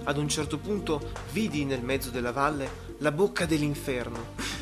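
A man narrating a story in a steady, measured way. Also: a little high. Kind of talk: scripted narration. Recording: music playing behind.

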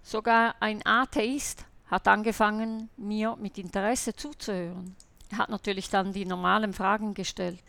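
A woman's voice: medium pitch, flat delivery, moderate pace, creaky, fairly bright tone, no room sound. A woman giving an earnest, fervent personal faith testimony as a lay preacher, speaking directly to her listeners as brothers and sisters.

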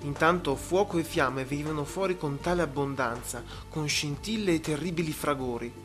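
A man narrating a story in a steady, measured way. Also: on the high side. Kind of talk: scripted narration. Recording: music playing behind.

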